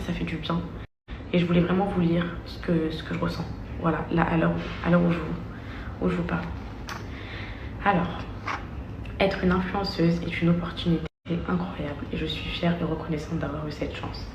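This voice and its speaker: A young woman reading a personal statement to her followers as an earnest, halting apology. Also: on the low side, level tone, dull audio. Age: young adult. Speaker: social media influencer. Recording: noisy, very echoey, distant microphone.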